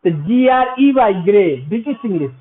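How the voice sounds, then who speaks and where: A man lectures in a high, sing-song voice that swoops up and down. He repeats each English phrase slowly and spells words out letter by letter. The sound is thin and tinny, as if it came over a phone. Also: expressive. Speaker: English teacher. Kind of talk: classroom lecture.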